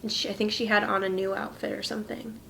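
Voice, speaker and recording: A woman's voice: medium pitch, little pitch movement, fast talker, gravelly, fairly bright tone, a little hiss or hum, low-quality recording. A young woman in a casual interview, speaking thoughtfully and hesitantly, often stopping to restart her sentences.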